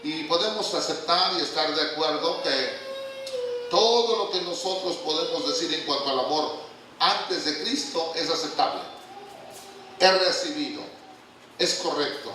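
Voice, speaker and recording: An older man preaching a lively, humorous sermon as a guest pastor, often turning to the congregation with call-and-response questions. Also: fairly high pitch, a little slow, noisy background. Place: church hall. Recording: echoey hall recorded from a distance.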